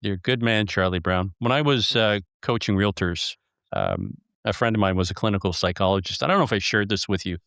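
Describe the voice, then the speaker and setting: A man with a somewhat low voice hosts an interview, framing his questions with playful jokes and little stories. His voice sounds dry and close. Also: sing-song, a little fast, gravelly, a bit bright, smooth, no room sound. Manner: playful, joking storyteller. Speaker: podcast host, interviewer. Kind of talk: conversational interview.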